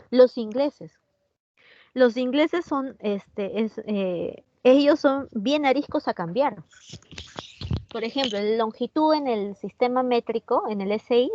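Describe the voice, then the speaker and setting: A woman's voice: on the high side, dry recording, muffled recording. A Peruvian woman with a Peruvian Spanish accent teaching an online chemistry class, chatty, often asking her students questions and answering their comments. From Peru.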